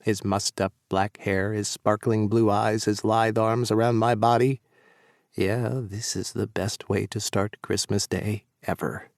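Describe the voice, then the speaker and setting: Guy reading a romance audiobook, first person, warm and easy, dry studio sound. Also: lowish voice, flat delivery, measured pace, vocal fry, no echo. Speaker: audiobook narrator.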